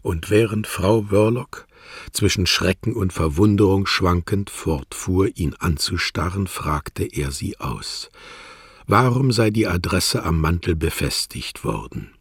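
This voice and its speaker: A man gives a measured literary narration at a slow, unhurried pace. His low voice carries a husky grain, and the recording is close and dry, with no room sound. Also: no echo. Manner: measured, even reading.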